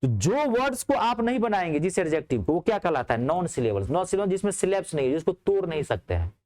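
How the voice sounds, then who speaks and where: A man teaching a grammar class in speech, asking his students checking questions and answering them himself. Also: fast talker. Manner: lively, rising on questions and dropping low on answers.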